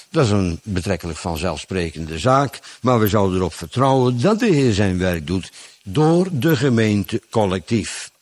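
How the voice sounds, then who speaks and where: A man delivers a Bible exposition sermon at a measured, teaching pace. His pitch swings widely as he stresses key words and poses rhetorical questions. The sound is dry and close, with little room echo. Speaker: preacher.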